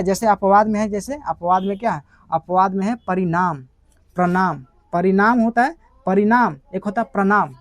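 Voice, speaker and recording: Hindi teacher with a Bihari accent, very dry sound. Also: male voice, high-pitched, no echo. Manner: repeats terms often, checks understanding with rhetorical questions. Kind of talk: explaining a grammar lesson.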